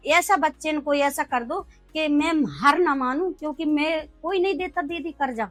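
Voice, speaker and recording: A middle-aged woman who sells street food tells her story earnestly in an emotional interview, acting out the dialogue. Her voice is high and her pace moderate, with soft background music, no room sound, and poor audio.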